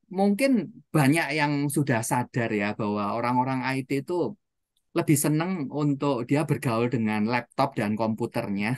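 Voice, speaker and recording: Brief: trainer telling audience stories, mid pitch, chatty asides, dry close sound. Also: dry recording. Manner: storytelling, with frequent rhetorical questions and "gitu ya" tags. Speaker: seminar trainer. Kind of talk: motivational seminar talk.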